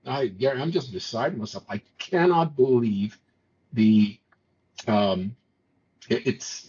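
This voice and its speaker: On a talk show, a Montreal man whose first language isn't English offers political commentary, sounding exasperated and often stumbling and restarting his words. His voice is mid-range with a darkish tone, and the recording is muffled.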